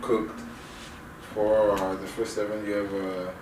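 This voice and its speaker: A man hosting a radio interview, asking questions haltingly with many fillers and short casual replies. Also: on the low side, flat delivery, darkish tone. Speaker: radio show host. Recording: roomy, distant from mic, faint noise.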